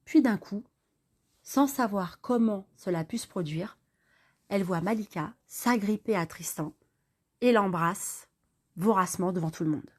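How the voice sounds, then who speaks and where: Mellow-voiced woman telling a story. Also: lowish voice, slightly rough. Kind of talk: scripted story narration.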